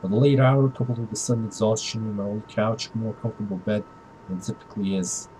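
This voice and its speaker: A man narrating in first person as a tired young man, quiet, reflective and measured. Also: fairly low pitch, fairly even intonation, a little hiss or hum, lightly acted, rough recording.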